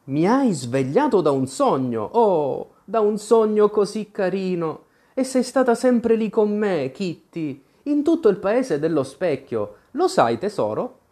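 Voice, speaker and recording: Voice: medium pitch, big pitch swings, unhurried, few pauses, dark tone, voice pushed up. A storyteller voicing an eager, imaginative little girl in an audiobook, talking fondly and with a lilting lift. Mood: chattering fondly.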